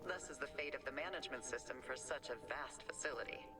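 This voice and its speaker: A woman voicing a calm, quietly menacing female AI that runs a vast facility in a video game, heard over game music. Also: extremely low pitch, fast talker, recorded from a distance.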